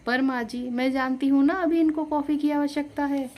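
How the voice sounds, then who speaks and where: A woman's voice: fairly high pitch, a little slow, darkish tone, natural voice. A woman voicing a modern young daughter-in-law who argues eagerly and persuasively in a storybook tale. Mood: sweet.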